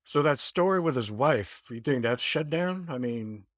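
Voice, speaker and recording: A man co-hosting a podcast in casual chat, joking and asking deliberate questions. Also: medium pitch, lively intonation, a bit bright, no room sound, clean studio sound. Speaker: podcast co-host.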